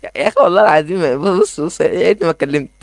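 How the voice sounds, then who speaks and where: A young man with an Egyptian accent giving excitable, rambling commentary as he plays a game in his bedroom. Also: fairly high pitch, creaky, background noise. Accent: Egyptian Arabic. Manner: excitable, rambling, quick asides. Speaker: gaming YouTuber. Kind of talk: casual gameplay commentary.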